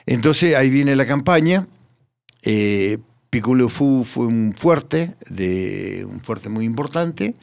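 A man with a gravelly, creaky voice tells history in a relaxed radio chat. He pauses often and fills gaps with "eh" and "este" as he searches for words. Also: mid-range voice. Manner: hesitant, many fillers and restarts. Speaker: guest. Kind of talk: casual radio interview.

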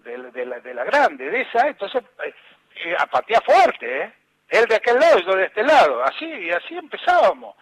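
An older former footballer with an Argentine Spanish accent tells rambling anecdotes in an interview, often restarting and acting out quotes from others. His high voice swoops wildly in pitch at a moderate pace, with a fairly bright tone and a breathy edge, over poor audio.

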